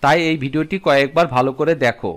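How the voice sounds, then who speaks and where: A man narrating a scripted lesson, slowly listing letters and their example words. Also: fairly high pitch, fairly bright tone. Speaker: English teacher.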